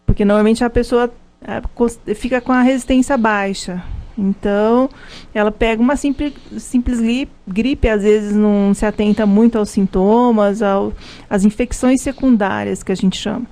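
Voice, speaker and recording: Speaking at a moderate pace in a steady, dark-toned voice of fairly high pitch, a Brazilian woman explains health topics live on the radio. She's the pharmacist guest, her accent is Brazilian Portuguese, and she often restarts and fills pauses.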